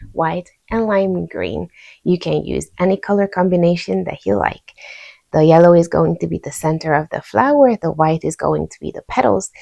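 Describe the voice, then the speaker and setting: A woman with a Hungarian accent hosts a crochet tutorial channel, narrating a craft project step by step in a relaxed, informal way. Her voice is lowish, creaky, and darkish.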